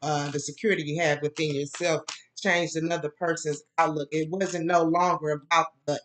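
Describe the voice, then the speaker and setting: Lady doing a chill tarot reading, bright sharp voice, rambly with lots of um and you know. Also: level tone, moderate pace, a little hiss or hum. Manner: rambling, loose, with many fillers; bursts into laughing, high-pitched mimicry. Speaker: tarot reader.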